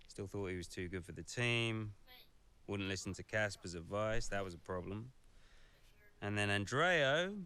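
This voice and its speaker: An actor playing a cocky, flippant son of a racing team boss in a documentary-style interview, breezy and self-satisfied. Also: male voice, lowish voice, pushed and bright, smooth, heavily acted.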